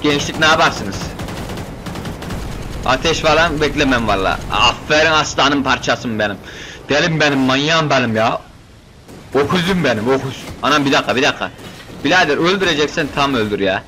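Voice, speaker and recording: A young man commentating his own game playthrough, joking, excitable and chatting to the characters on screen. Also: on the high side, a little hiss or hum. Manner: keeps saying "brother" as a filler. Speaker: gaming video host.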